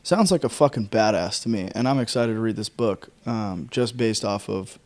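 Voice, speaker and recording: A man's voice: on the low side, normal speed. Tired, swearing man chatting casually. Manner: relaxed, profane, rambling with yawns and sighs. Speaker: podcast host. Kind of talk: casual fireside chat about books.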